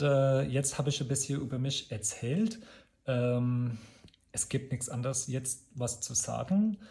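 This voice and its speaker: A man with an American accent speaks German as a second language to his native English. His delivery is slow and halting, in a mid-range voice, as he searches for the right word and corrects himself. It is a casual, personal vlog monologue. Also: medium pitch, a little mellow. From United States. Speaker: video channel host.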